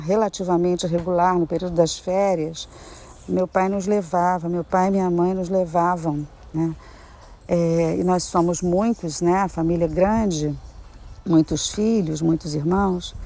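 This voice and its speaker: An older Brazilian woman speaking slowly in a casual interview, reminiscing with many fillers. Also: lowish voice, dark tone, a little hiss or hum. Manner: slow, reminiscing, filler-laden. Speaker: interview guest.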